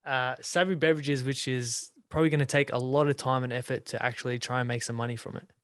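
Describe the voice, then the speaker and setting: A man hosting a podcast, speaking in a relaxed, earnest way and asking follow-up questions. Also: mid-range voice, quick pace, dry recording, clean studio sound. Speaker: podcast host. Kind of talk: casual conversational interview.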